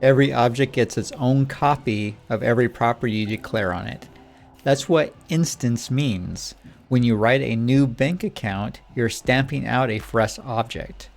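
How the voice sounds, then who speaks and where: A man's voice: mid-range voice, a little slow, gravelly, faint music behind. A man teaching programming in a scripted lesson dialogue, patient and Socratic, asking questions to lead his student. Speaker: programming instructor.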